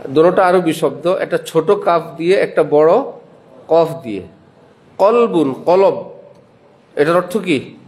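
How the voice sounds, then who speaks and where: His voice is a little high, animated, and darkish in tone as he preaches with a Bangladeshi Bengali accent. The madrasa principal questions his listeners, answers on their behalf, and carefully spells out letters and sounds.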